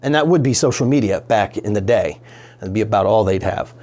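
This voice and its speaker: A man hosts a radio restoration how-to video, narrating casually and musing aloud with rhetorical questions. His voice is on the low side, a little mellow, and his pace a little fast as he gives relaxed DIY explanations.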